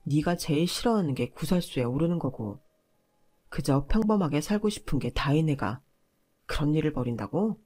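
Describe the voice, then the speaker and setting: A woman voicing an arrogant young husband, speaking lower and with contempt, lecturing his wife. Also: lively intonation, moderate pace, mellow. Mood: contemptuous.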